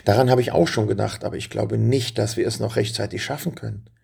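A man voicing an eager, warm-hearted boy prince in a storybook reading, talking quickly in a raised, excited voice. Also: lowish voice, gravelly, breathy edge, heavily acted. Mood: worried.

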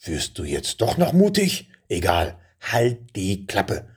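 A man's voice: lowish voice, wildly swooping pitch, slow pace, husky, heavily acted. A man reading a storybook, voicing a huge, wary fire-breathing dragon that speaks in a threatening, brusque way. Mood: menacing.

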